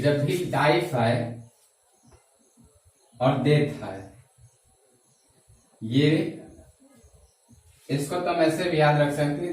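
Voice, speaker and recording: A man teaches a classroom lesson, spelling out sentences word by word before rushing through his explanations. His voice sits at a middle pitch and comes from some distance off. It rings in a heavily echoing room. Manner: slow dictation of sentences, quick explaining. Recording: echoey room, voice from far off.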